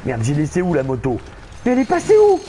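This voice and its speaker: A man giving excitable let's play commentary, panicking and swearing at the game while he plays. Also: a little high, fast. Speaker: gamer streaming a playthrough. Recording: game noise behind the voice.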